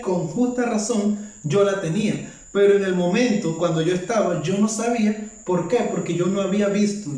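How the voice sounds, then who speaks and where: Guy with a fairly high voice doing casual bible teaching, lots of "what? ..." questions to himself, sounds a bit far from the mic. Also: a little mellow. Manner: explanatory, asks himself rhetorical questions; reads verses aloud one after another. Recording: very echoey room, mic at a distance.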